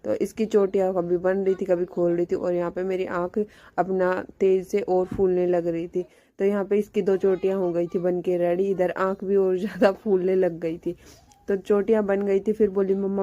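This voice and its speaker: A woman's voice: medium pitch, little pitch movement, moderate pace, dark tone, lo-fi sound. A woman, a mother, narrating a home video in a casual, chatty way, amused as she describes each step in turn.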